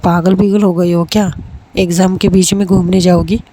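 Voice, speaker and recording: A woman's voice: lowish voice, flat delivery, normal speed, dark tone, slight background noise, close to an everyday voice. A woman voicing a withdrawn young student who speaks curtly and bluntly. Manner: curt, blunt. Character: moody young female student, curt and withdrawn.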